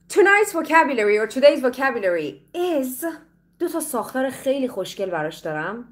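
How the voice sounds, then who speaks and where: A Persian-speaking woman teaching English in a playful, lively way, slowing down carefully whenever she speaks English. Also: on the high side. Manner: switches between Persian and slow, carefully spoken English. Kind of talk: live online English lesson.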